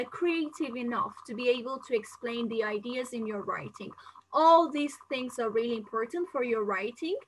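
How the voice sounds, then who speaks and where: Woman from Singapore, live-stream English exam tutor; chatty, filler-heavy delivery, bright and fairly high-pitched. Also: rough recording. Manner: chatty, reads viewer questions aloud and answers them; frequent fillers and restarts, non-native phrasing. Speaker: English teacher.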